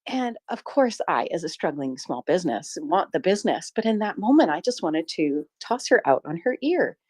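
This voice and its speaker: Fairly low in pitch and a little mellow, her voice is very animated yet moves at a normal speed. A middle-aged Canadian shopkeeper, she recounts a personal story earnestly and reflectively, laughing frequently, in a casual live audio space chat.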